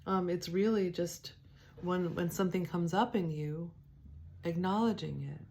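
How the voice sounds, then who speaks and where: A woman with a low, grounded voice leads a gentle devotional teaching. She speaks unhurriedly and reflectively, pausing often and restarting her thoughts. A faint hum of room ambience sits behind her. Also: gravelly. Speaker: spiritual teacher.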